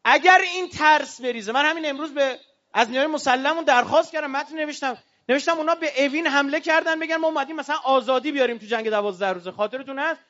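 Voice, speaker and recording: A man from Iran addresses an audience in a passionate, declamatory speech, his voice sitting unusually high. His tone is bright and cutting, and he rises into shouts. The recording sounds dull and lo-fi. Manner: fiery and declamatory, with bursts of shouting. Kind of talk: impassioned political speech.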